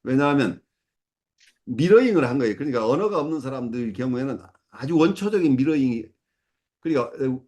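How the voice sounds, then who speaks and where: A middle-aged psychoanalysis supervisor with a medium-pitched, slightly mellow voice works through a case. He explains it step by step as teaching, with many fillers and self-corrections.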